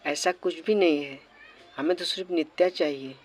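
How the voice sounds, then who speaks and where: A man's voice: on the high side, normal speed, natural voice. A man voicing a polite, eager young suitor in a doll cartoon.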